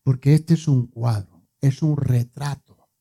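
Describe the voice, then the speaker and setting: A man's voice: medium pitch, fairly even intonation, a little slow, creaky, mellow, husky. A male preacher giving a conversational sermon, repeating words for emphasis and joking with his congregation.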